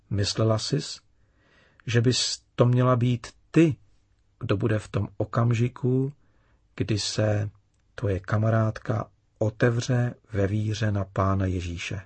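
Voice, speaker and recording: A man voicing a kind, patient father in a children's story, calm and explaining. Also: fairly low pitch, breathy edge, no room sound.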